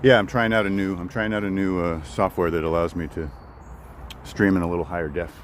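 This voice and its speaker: A man talks on a live stream while he walks a wooded trail, his voice deep and low. He rambles, doubles back on his words and greets viewers by name. A faint outdoor hiss sits under him. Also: steady tone, brisk. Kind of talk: casual live-stream chat while hiking.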